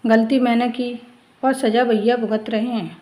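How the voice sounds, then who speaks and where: A tearful schoolboy begging for help, pleading and choked up, in a family storybook tale, as a woman narrator puts him on, on a fairly high pitch. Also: little pitch movement, unhurried, mellow, lightly acted, low-quality recording.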